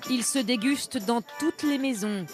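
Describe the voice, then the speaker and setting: A woman's voice: on the high side, measured pace, music in the background. A woman reporter reading scripted narration for a television news report.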